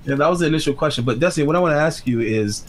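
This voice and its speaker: A man's voice: on the high side, very fast. A man arguing in a heated debate, insistent and often cutting in with questions and objections. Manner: insistent, interjecting. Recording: background noise.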